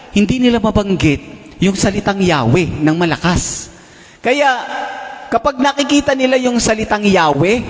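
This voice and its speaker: A male preacher giving a sermon, addressing his listeners as brothers and sisters and posing rhetorical questions. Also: high-pitched. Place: large worship hall. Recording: long reverb of a big hall.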